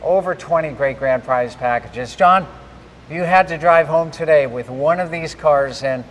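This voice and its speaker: A man with a slightly high voice hosts a live giveaway show from a reverberant space. He delivers shout-outs and recaps like an announcer, with some faint noise behind him. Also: moderate pace. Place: large garage with a stage. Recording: echoey hall with faint background noise.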